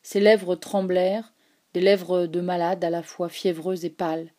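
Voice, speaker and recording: A woman reading a literary novel aloud in a grave, measured way. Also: on the low side, level tone, mellow. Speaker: audiobook narrator.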